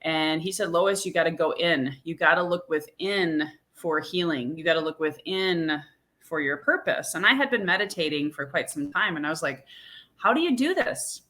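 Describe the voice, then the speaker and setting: A woman's voice: low-pitched, moderate pace, sharp tone. A woman hosting a podcast, telling her story in an earnest, reflective way. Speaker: podcast host. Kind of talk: casual conversation.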